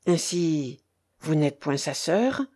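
A woman's voice: sits low, animated, takes it slowly, dark tone, husky, exaggerated voice. A woman voicing an angry, suspicious nobleman who questions harshly, in a read-aloud story. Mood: stunned.

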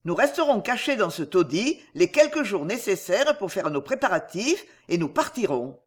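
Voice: medium pitch, big pitch swings, normal speed. A reader voicing proud, fretful old-world duke. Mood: resigned. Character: noble duke, proud then worried. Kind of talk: audiobook reading of a historical novel.

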